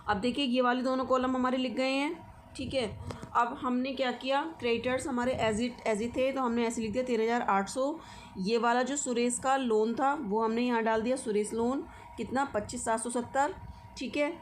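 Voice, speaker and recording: A woman's voice: fairly high pitch, steady tone, normal speed, slight background noise. A woman teaching accounting, walking through the steps one at a time and checking in with her students often. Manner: explains step by step with frequent check-ins. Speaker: commerce teacher. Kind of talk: accounting lesson walkthrough.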